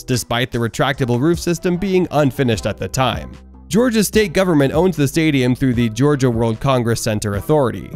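A man reading a scripted top ten countdown, lifting his voice on each new number and reading the facts evenly. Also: mid-range voice. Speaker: narrator of a top ten list channel. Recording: voice-over with faint background music.

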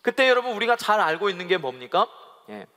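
A pastor delivering a humorous sermon to a live congregation, acting out little quoted exchanges between couples and leading the people in call-and-response. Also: male voice, high voice, very animated, fast talker, bright, forceful tone. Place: church worship hall. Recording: live in a reverberant worship hall.

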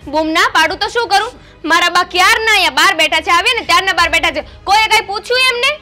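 A young woman with a Gujarati accent playing a sharp-tongued, demanding daughter-in-law. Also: extremely high pitch, fast, heavily acted. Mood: indignant. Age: young adult. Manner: demanding, shouting at in-laws.

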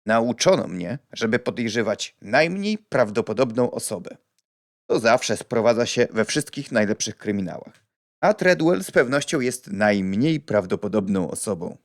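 A man reading an audiobook and voicing a lively, blunt young woman with a playful, outspoken manner. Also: lowish voice, normal speed, no room sound, studio quality. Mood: musing.

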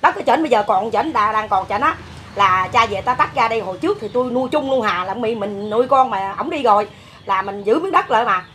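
A woman's voice: a little high, lively intonation, quick pace, fairly bright tone, a little hiss or hum. A woman in her fifties with a Southern Vietnamese accent, telling her story in a rambling way with many fillers. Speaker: interviewee, mother. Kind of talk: casual storytelling.

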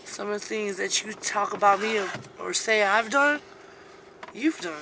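A woman's voice: medium pitch, moderate pace, vocal fry. A young woman giving a candid, blunt, streetwise interview, swearing freely, in the back of a car. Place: back seat of a parked car. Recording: noisy car interior recording.

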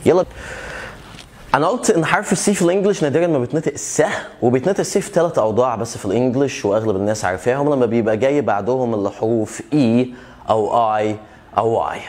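A man with an Egyptian Arabic accent leads an English pronunciation lesson in a mid-range voice. He explains each rule in a relaxed way. Then he repeats the example words slowly and carefully. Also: medium pitch. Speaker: English teacher.

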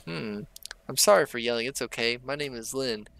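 A man's voice: medium pitch, normal speed, vocal fry, slight background noise. A man reading as an earnest young woman trainer. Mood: sheepish. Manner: reading game dialogue aloud, animated.

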